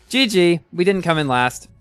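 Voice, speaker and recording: Male live streamer, bright animated voice, casual running commentary over faint music. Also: high-pitched. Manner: chatty, reacts aloud to the game, many restarts. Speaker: game streamer.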